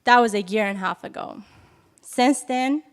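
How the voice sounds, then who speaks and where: A woman in her twenties from Ethiopia, nervously giving a prepared speech at a press event, with halting self-corrections. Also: a little high, clean tone. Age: 20s. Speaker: youth speaker at a press event.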